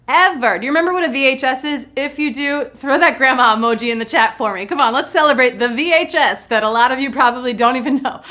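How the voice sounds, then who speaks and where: Bubbly high-voiced woman hosting trivia. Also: fast talker, hardly any pauses, sharp tone. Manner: bubbly and jokey, punning and talking to the chat. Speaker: trivia game show host. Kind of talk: live trivia show hosting. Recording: faint music behind.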